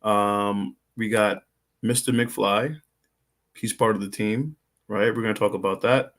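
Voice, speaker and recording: A man's voice: on the low side, fairly even intonation, a little slow. A man hosting a live podcast interview, laid-back and friendly with viewers. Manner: laid-back, shouts out listeners. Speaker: podcast host. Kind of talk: casual livestream interview.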